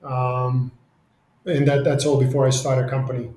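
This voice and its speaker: A man's voice: medium pitch, little pitch movement, moderate pace, mellow, echoey room, low-quality recording. A man, speaking as an interview guest, earnest and restarting often. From Serbia. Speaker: guest, company executive. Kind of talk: podcast interview.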